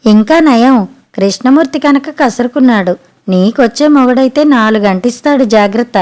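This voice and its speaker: A gentle, resigned married mother talks softly and patiently, her voice set a little high. A woman reads her out in a storybook telling. Her words come steady and unhurried. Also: close to an everyday voice. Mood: chiding. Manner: soft, patient. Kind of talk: storybook reading.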